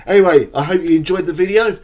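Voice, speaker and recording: A man's voice: high-pitched, fast, very noisy. A man with an Essex accent giving a casual, rambling, self-deprecating album review straight to camera. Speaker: music reviewer.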